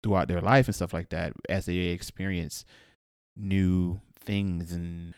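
Speaking a little slowly in a low, smooth voice with fairly even intonation, a young man co-hosts a podcast. His casual chat wanders as he searches for words and quotes his own thoughts. The sound is clean and studio-grade, with no echo.

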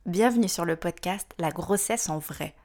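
A woman's voice: lowish voice, normal speed, darkish tone. A woman in her thirties hosting a podcast, reading scripted narration in a frank, wry, confiding way. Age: 30s. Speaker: podcast host.

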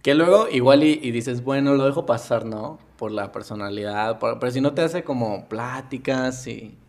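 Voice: mid-range voice, moderate pace. A young co-host, chatting playfully and teasing the others. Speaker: podcast co-host. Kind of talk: casual chat.

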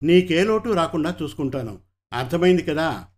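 A man's voice: on the high side, expressive, normal speed, darkish tone, lightly acted. A man voicing a domineering middle-aged woman brothel keeper who talks in a commanding, threatening way.

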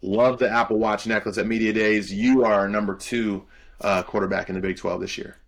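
Young guy with a lowish voice, chill football podcast talk, lots of ums, sure of himself. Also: fairly even intonation, brisk. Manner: loose and confident, many "um" fillers. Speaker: podcast co-host and college football analyst. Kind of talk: casual sports chat.

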